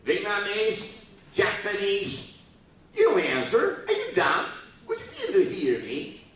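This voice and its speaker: A middle-aged speaker from Taiwan addresses a youth forum, bright and animated, a little slow, joking and teasing the young crowd while prodding them to answer back. His pitch swings widely as he coaxes responses. Heard from some distance, his voice rings through a big echoey hall over a faint hum of room noise.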